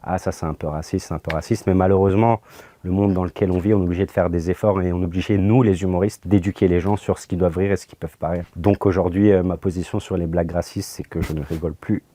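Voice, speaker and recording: A young man with a French accent and a very low, mellow voice talks in a casual interview. He is laid-back and hesitant, searching for words with frequent fillers. The sound is close and dry. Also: steady tone, fast talker, dry recording. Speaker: comedian, interview guest.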